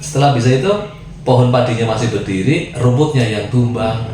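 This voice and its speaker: A man from Central Java spins a long personal tale in relaxed conversation, slipping into other people's voices as he goes. The room rings with heavy echo, and a steady noise sits under his voice. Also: medium pitch, fairly quick. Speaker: guest storyteller. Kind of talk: casual storytelling chat.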